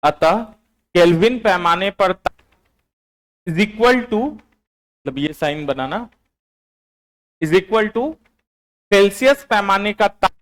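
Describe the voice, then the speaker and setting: A male teacher, giving a classroom lecture. He dictates notes slowly and repeats them, then quizzes his online students. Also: high-pitched, expressive. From Bihar, India.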